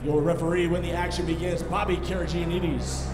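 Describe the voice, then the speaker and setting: A man making formal fight introductions as a ring announcer, booming and drawing out the fighters' names. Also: little pitch movement, fairly quick, big-room sound, music in the background.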